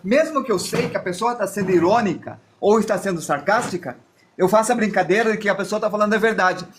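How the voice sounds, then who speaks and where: Chatty higher-voiced man teaching. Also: quick pace, background noise. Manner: chatty, thinks aloud while drawing. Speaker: drawing teacher. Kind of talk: live drawing lesson with chat asides.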